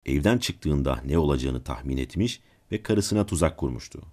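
A man reading a classic story aloud as a channel's narrator, calm and measured. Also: rumbling low. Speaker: audiobook narrator and channel host.

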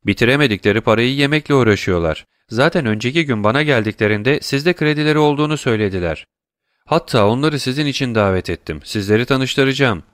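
A commanding count speaks in a measured, faintly mocking tone, as a man reads his part. The recording is close and dry. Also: medium pitch, expressive, clean tone, no room sound, lightly acted. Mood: smooth. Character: cool, commanding middle-aged count, ironic.

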